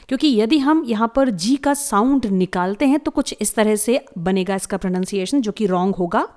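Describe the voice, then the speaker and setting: A woman teaching a slide lesson, reading out rules slowly and spelling each word letter by letter. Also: fairly high pitch, a little mellow. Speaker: English teacher.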